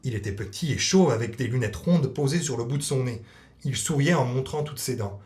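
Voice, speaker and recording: Expressive man reading a children's story. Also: medium pitch, fairly quick. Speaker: audiobook narrator.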